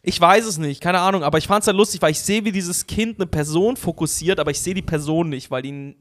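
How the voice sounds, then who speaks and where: Higher-voiced man riffing crudely on a podcast. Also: fast, fairly bright tone. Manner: laughing, crude, exaggerated riffing. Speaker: podcast co-host. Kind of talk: casual comedic chat.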